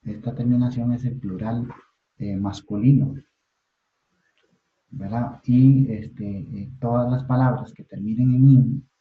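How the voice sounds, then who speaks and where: A man teaching biblical Hebrew in a recorded class, talking haltingly with many fillers and tag questions. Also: medium pitch, fairly even intonation. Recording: echoey room over a phone-like line.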